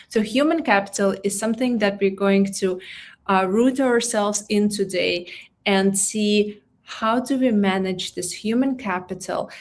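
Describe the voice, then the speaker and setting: A woman hosting a career talk show, introducing her guest with frequent fillers. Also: medium pitch. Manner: warm welcoming intro with many fillers. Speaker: podcast host. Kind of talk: hosted interview chat.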